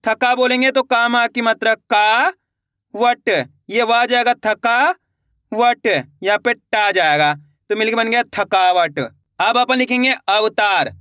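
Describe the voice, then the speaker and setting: A young man with a strikingly high, sharp, crisp voice leads a children's spelling lesson, stretching every syllable and firing quick questions back at the class. He repeats each word again and again in a patient call-and-response drill. The recording is close and dry, with no room sound. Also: dry recording. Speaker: Hindi writing teacher.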